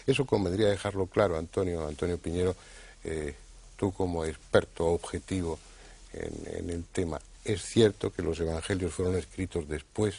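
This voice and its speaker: A man from Spain hosting a studio discussion, talking in a measured, thoughtful way with frequent hesitations. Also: sits low, steady tone, vocal fry, warm tone, husky. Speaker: TV talk show host.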